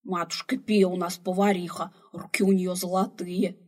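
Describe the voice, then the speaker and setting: A woman reading the part of a quarrelsome, excitable old male slave who loves adventure. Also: fairly low pitch, normal speed, close to an everyday voice. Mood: chewing, friendly. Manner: loud, scolding, excitable.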